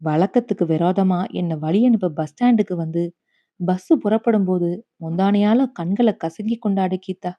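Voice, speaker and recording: A woman's voice: on the low side, normal speed, highs cut off, close to an everyday voice. A woman voicing a grieving old grandmother. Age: over 60. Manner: anguished, scolding then quietly bitter. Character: grieving elderly Brahmin grandmother, stubborn yet tender.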